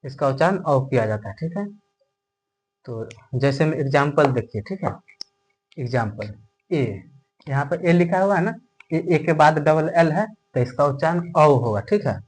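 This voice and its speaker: A man's voice: fairly high pitch, animated, moderate pace, pauses often, rough recording. A man teaching English pronunciation step by step, asking himself questions and answering them, often checking in with the viewers. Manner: explains step by step, asks and answers his own questions, keeps checking in with "okay?". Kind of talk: classroom lesson.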